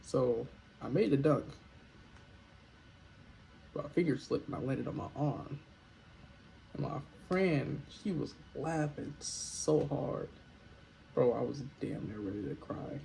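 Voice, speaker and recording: Young man with a gravelly voice. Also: medium pitch, slow, pauses often, mellow, slight background noise, rough recording. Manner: laid-back slangy storytelling with joking asides. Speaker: vlogger. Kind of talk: casual storytime vlog.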